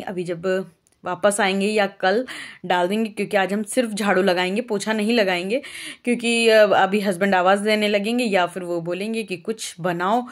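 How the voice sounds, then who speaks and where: Chatty young woman vlogger from Uttar Pradesh. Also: medium pitch. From Uttar Pradesh, India. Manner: rambling, homely and talkative, with frequent "अ" fillers. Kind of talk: casual chatty vlog narration.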